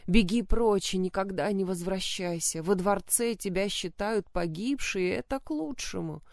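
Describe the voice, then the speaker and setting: A woman voicing a tortured, dying young woman beggar with a hoarse, weak, quiet voice. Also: medium pitch, moderate pace, dry recording, clean studio sound, close to an everyday voice. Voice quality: hoarse, croaking.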